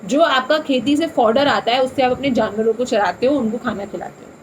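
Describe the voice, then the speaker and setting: A young woman teacher walks through a revision lesson in a talky, repeating style, blending Hindi and English terms. Her voice sits a little high. A faint noise runs under the recording. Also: fairly quick, low-quality recording.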